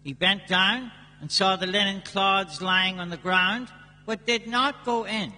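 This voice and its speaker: Man, priest, high and very bright voice, slow measured delivery, long cathedral echo. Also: faint music behind. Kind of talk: reading the gospel and preaching at Mass. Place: large church. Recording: long church reverb.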